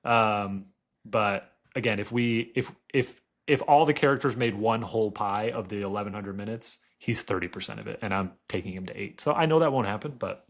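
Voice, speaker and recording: A man's voice: lowish voice, brisk. Man making dry podcast quips. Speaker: podcast co-host. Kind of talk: casual chat.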